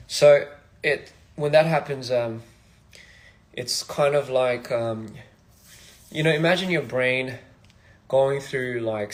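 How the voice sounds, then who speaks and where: A young man from Australia chatting casually on a phone livestream, soft-spoken and reflective, drifting between thoughts. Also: medium pitch. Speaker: musician livestream host.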